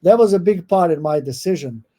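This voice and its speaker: A guest professor, a middle-aged Croatian man with a Croatian accent, answers podcast interview questions thoughtfully. His voice is high-pitched, animated and warm, and he often pauses with fillers and starts sentences over.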